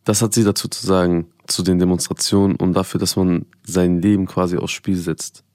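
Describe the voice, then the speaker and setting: A male host speaking casually, his voice on the lower side and recorded dry and close to the mic. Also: level tone, a little fast, a little mellow, dry recording. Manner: casual, conversational. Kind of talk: casual show talk.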